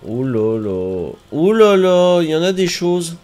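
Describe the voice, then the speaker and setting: A man commentating his own gameplay stream, with a lively voice that leaps up into yelps and sinks into groans. He speaks on the high side and takes his time between outbursts, often scolding the enemies on screen. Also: a little slow, faint music behind.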